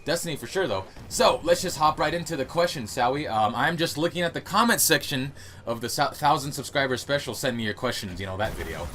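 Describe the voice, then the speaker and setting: A man's voice: mid-range voice, animated, a little fast, a bit bright, a little hiss or hum. A young man hosting his gaming channel, chatting through a casual Q&A in a rambling, laughing way, recorded at home. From United States. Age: young adult. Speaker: YouTube gaming channel host. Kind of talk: casual Q&A monologue.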